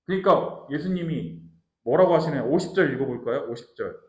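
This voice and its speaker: A male pastor giving an animated sermon to a small family congregation, quizzing his listeners as he goes. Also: fairly high pitch, a little fast, muffled recording. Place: small office used as a church. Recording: roomy echo.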